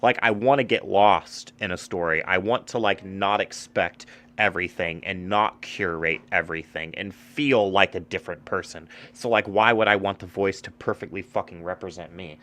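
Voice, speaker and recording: Man, low voice, casual gaming chat, swears a lot, rambling. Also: normal speed, few pauses, a bit bright. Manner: casual and profane, rambling with fillers. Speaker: gaming streamer.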